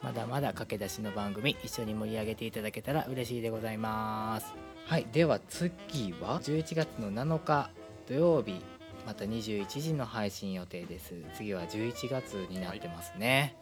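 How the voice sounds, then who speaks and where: A man with a Kansai accent hosting a casual radio show, relaxed and friendly, polite when closing the show. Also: fairly low pitch, normal speed, music in the background. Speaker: radio host. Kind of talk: casual chat.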